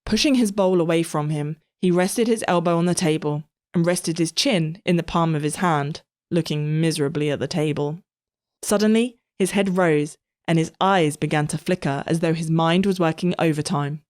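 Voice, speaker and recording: A woman narrating a comic story in a lively storytelling manner. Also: low-pitched, moderate pace.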